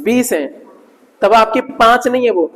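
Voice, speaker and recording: A man's voice: very high-pitched, unhurried, a bit bright. Echoey male teacher quizzing his class. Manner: asks rhetorical questions and answers them himself. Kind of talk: classroom lecture.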